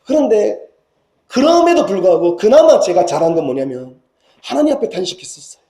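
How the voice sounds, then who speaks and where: A man preaches a sermon in a high, fervent voice that drops to hushed pleading and rises to loud cries. The recording carries the roomy echo of a church sanctuary. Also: sing-song, brisk. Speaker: senior pastor. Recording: roomy church hall sound.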